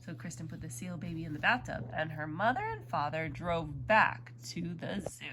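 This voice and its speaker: A woman reading a picture book aloud to a child at home, with a lively storybook delivery. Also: low-pitched, normal speed, background noise.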